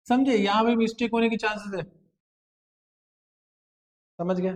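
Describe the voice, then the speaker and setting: A man's voice: sits high, fairly even intonation, a little slow. A man from India teaching an accounts lecture, coaxing students with constant questions and mixing terms into his talk. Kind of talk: classroom lecture.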